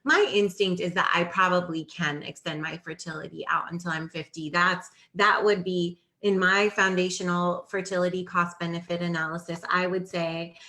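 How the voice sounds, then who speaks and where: Forties woman host, earnest explainer on a live stream, lowish pitch with a bright edge. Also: steady tone, moderate pace, hardly any pauses. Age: 40s. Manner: earnest, explanatory, thinks aloud with restarts. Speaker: host of a fertility Q&A. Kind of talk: live-streamed advice talk.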